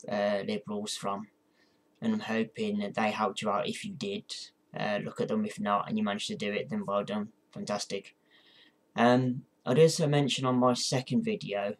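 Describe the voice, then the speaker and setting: A man talking casually through an instructional vlog, hesitant and apologetic, with encouraging words for his viewers. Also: lowish voice. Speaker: amateur ventriloquist giving a tutorial.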